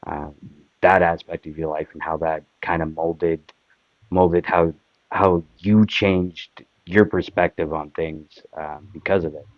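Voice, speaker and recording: A man's voice: deep voice, steady tone, unhurried, dry recording, dull audio. A man hosting a casual online discussion in an appreciative, somewhat hesitant way. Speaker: host.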